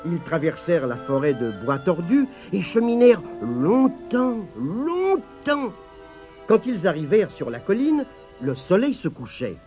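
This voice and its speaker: A man reading a children's story aloud in a gently expressive way. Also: fairly high pitch, normal speed, faint music behind.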